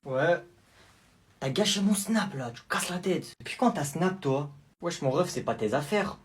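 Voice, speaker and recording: A man with a slightly high, husky voice performs a comedy sketch. He talks in quick, casual street slang. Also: lively intonation. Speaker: sketch comedian playing several characters.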